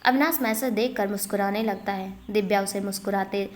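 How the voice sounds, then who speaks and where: A woman narrating a family story in a plain, steady reading voice. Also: mid-range voice, brisk.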